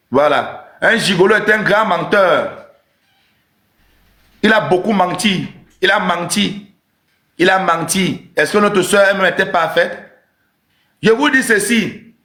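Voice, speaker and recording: A man's voice: high voice, sharp tone. A man hosting a live stream with an emphatic, teasing comic rant, repeating his points. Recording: roomy echo.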